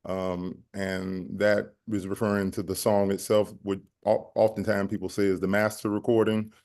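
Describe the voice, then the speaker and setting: A man explaining music copyright on a panel in a measured way, pausing often with fillers. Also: lowish voice, flat delivery, a little mellow.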